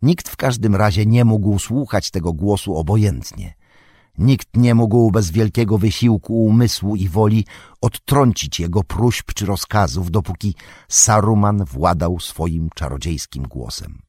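Male audiobook narrator, low husky voice, dry close sound, calm and steady. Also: a little slow, no echo. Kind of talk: scripted narration of a novel.

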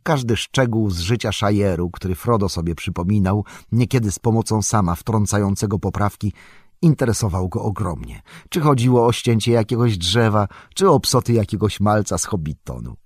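Male audiobook narrator, deep husky voice, lively delivery. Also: normal speed, no echo, studio quality. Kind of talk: scripted narration.

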